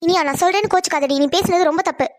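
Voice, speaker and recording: A woman's voice: extremely high pitch, very fast, dry recording. A woman voicing a frank younger sister in a cartoon, who scolds in a blunt way. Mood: scolding. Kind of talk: cartoon voice acting.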